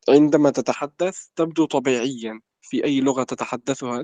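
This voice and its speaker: A young man from Egypt, a language student in an interview, explaining at a measured pace with lots of filler words. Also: fairly high pitch, dry recording. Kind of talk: casual conversation in formal Arabic.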